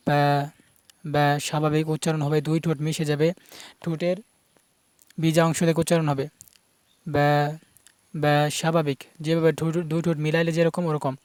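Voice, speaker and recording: A man teaches pronunciation, repeating each sound slowly and patiently. His voice is smooth and a little high, with little rise and fall. The recording is close and dry. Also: little pitch movement, a little mellow, dry recording. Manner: patient, repeats each Arabic letter sound many times. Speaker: Quran recitation teacher. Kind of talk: pronunciation lesson.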